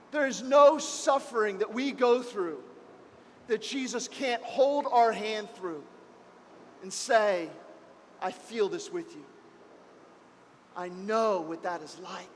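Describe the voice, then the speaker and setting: High-voiced pastor preaching in an echoing hall. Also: male voice, slight background noise. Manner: impassioned, swings between soft and loud. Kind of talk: sermon. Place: church.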